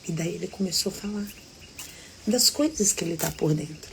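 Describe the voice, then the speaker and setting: A Brazilian woman hosting a live devotional from her living room at night, telling a story intimately and often dropping to a hushed half-whisper. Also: lowish voice, a little fast, creaky, slight background noise. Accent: Brazilian Portuguese. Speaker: devotional host.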